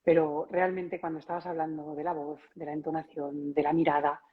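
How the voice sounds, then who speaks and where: A woman hosts an interview, searching for her question and rephrasing it with tag questions. Her voice is low and husky. The sound is dull, as on a video call. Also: little pitch movement, brisk. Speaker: interviewer and yoga teacher.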